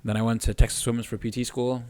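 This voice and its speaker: Soft music plays behind this man in his twenties, a physical therapist appearing on a podcast. He talks fast in a mid-range voice, keeping the casual chat earnest and steady apart from the odd restart.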